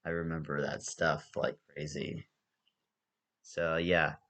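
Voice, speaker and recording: Hushed, low-voiced man, casual reaction chat. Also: flat delivery, slow pace. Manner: hesitant, full of fillers and restarts. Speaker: reaction video host. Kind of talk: soft-spoken casual chat.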